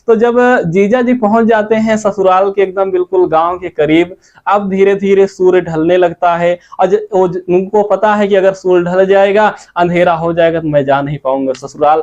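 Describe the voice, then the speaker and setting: A man with a high voice teaches a grammar class, asking questions and answering them in turn. He stretches out the sounds of his examples. The recording is dull and lo-fi. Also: a little mellow. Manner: asks questions and answers them himself, drawn-out sung examples.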